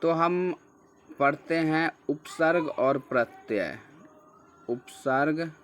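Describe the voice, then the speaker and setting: A man's voice: fairly high pitch, extremely slow, fairly bright tone, slight background noise. A man teaching a textbook lesson, patiently explaining, repeating key words and asking questions that he then answers himself. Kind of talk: slow classroom explanation of a textbook chapter.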